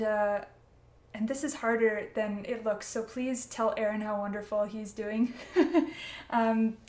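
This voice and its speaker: A woman opera singer giving an effusive, casual video message, with many fillers. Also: a little high. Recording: echoey room.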